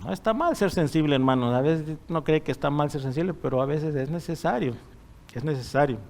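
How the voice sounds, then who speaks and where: A man's voice: on the high side, fairly quick, darkish tone, a little hiss or hum. A man preaching a sermon in church, in a conversational way, often asking the congregation rhetorical questions. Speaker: pastor.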